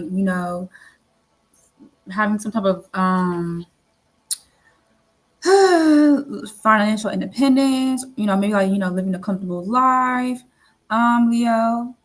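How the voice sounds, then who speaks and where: A tarot reader gives a casual reading, rambling and repeating herself, full of fillers and the occasional casual swear. Her voice is medium-pitched at normal speed.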